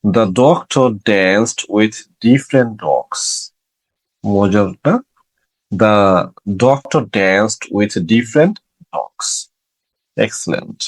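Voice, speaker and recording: A man with a Bengali accent teaching English pronunciation, saying each example word slowly and repeating it. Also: lowish voice, lively intonation. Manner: slow, drawn-out repetition of each word. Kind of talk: pronunciation lesson.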